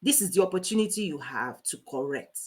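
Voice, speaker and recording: A woman hosting a motivational livestream as a life coach, talking fast and emphatically, repeating key points and greeting viewers by name. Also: deep voice, lively intonation, slightly rough. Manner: speaking fast.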